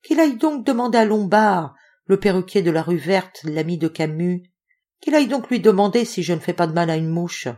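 A woman reading aloud gives voice to a brutish male ape-man from a storybook, proud and resentful. He grumbles his complaints quickly under his breath, in a rather low voice that still moves widely in pitch. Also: lively intonation, dark tone, lightly acted.

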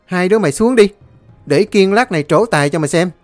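A man voicing a drunk, boastful young village man who talks loud and cocky. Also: high voice, expressive, fast, no room sound, faint music behind, voice pushed up. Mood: cocky boasting.

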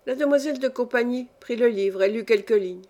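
A woman reading a classic short story aloud, narrating in a measured, clear storytelling manner. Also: a little high, warm tone. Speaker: audiobook reader. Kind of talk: scripted literary narration.

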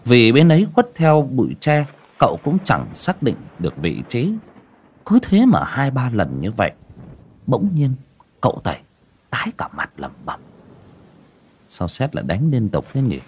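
A man narrates a village folk tale. His pitch swings widely and expressively from line to line. He sits at a middling pitch and jumps into each character's voice. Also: moderate pace, husky. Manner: animated, voicing every character. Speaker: storyteller.

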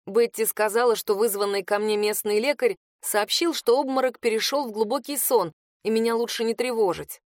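A woman narrating a first-person fantasy audiobook in a steady, expressive reading. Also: on the high side, normal speed, hardly any pauses, no echo. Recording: dry close studio sound.

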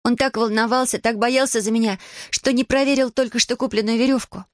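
A woman reads for an audiobook, lightly acting as a determined young orphan girl who stands up to her stepmother, pitching her voice above her natural register. She speaks a little fast at a fairly high pitch, firm, pointed and steady, with a defiant mood. The recording is dry and studio quality.

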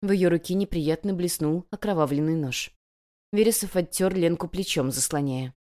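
A woman narrating an audiobook in an expressive, dramatic way. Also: fairly low pitch, moderate pace.

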